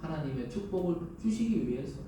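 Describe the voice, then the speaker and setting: A male pastor delivers a sermon in a mellow, somewhat raised voice. He talks to his congregation conversationally, firing rhetorical questions at them. The sound is distant and drowned in heavy church reverb, with a faint hum underneath. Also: fairly high pitch, expressive, brisk. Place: large church sanctuary.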